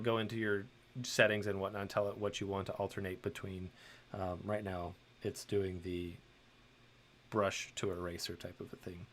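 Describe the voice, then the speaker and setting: A man's voice: fairly low pitch, a bit bright. A middle-aged man hosting a livestream, chatting loosely with many ums and restarts while he draws. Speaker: host and illustrator. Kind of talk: livestream chat while drawing.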